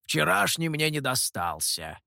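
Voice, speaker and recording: A cocky monkey demon, boastful and teasing, his voice leaping all over the place as a male narrator puts him on. It sits a touch high and is heard close and dry, with no room around it. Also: sing-song, measured pace, vocal fry, sharp tone, dry recording, exaggerated voice. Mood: pleading.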